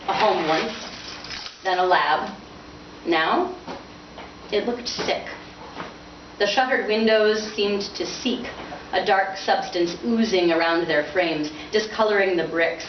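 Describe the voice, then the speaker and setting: Heard from a distance in a roomy space, a woman author with a low voice gives an informal talk at a bookstore and reads dramatically from her novel. The event recording is noisy, bandlimited, and dull.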